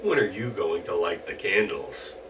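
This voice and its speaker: A man voicing a sly, red-faced horned male goblin in a lower, gruff voice. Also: animated, normal speed, recorded from a distance, noisy background. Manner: coaxing, sly questions.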